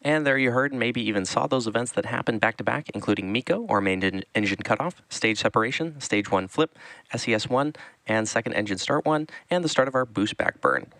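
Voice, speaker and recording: A man giving live explanatory launch commentary as a webcast host, measured and informative. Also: medium pitch, fairly bright tone, dry recording, low-quality recording.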